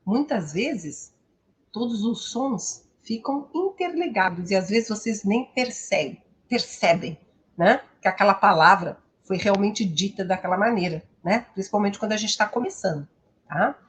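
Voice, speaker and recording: A woman from Brazil teaching English pronunciation in an online lesson, slow and explanatory, often adding a questioning "né?". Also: mid-range voice, lively intonation, a little hiss or hum.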